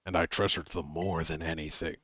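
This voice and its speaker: A secretive teenage girl boss talks through a disguised deep voice-changer voice, as a man puts her on. The voice sits very low and moves slowly and theatrically. The stream audio is slightly dull and dry, with faint music underneath. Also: steady tone, a bit bright, slightly rough, no echo, heavily acted.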